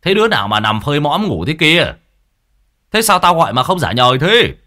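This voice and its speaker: A man voicing a loud, short-tempered old village man who scolds in booming shouts. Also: very animated, moderate pace. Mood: angry scolding.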